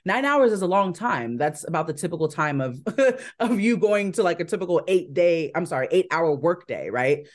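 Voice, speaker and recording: A woman's voice: fairly low pitch, animated, brisk, few pauses. Casting: American woman, confident advice-giver, conversational interview guest, emphatic delivery. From Seattle, Washington, United States. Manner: confident, emphatic advice-giving with rhetorical check-ins. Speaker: matchmaker and dating coach, interview guest.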